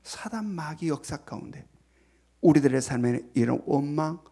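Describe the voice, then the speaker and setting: Pastor guy preaching in church, high voice, all over the place pitchwise, goes quiet and whispery to drive points home. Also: expressive, normal speed, creaky. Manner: dramatic, swings from emphatic to hushed near-whisper; retells a parable with voiced quotes. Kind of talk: sermon. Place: church sanctuary.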